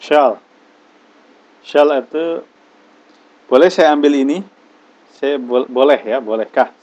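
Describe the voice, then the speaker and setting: A man teaching an English class, explaining slowly and patiently and drawing out example phrases. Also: medium pitch, a little mellow, lo-fi sound. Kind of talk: online class lesson.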